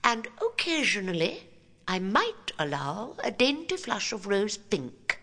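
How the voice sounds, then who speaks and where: A woman's voice: mid-range voice, sing-song, measured pace, a bit bright, long reverb tail, pitched above the performer's own voice. A woman doing a prim mushroom headmistress. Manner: prim and proper.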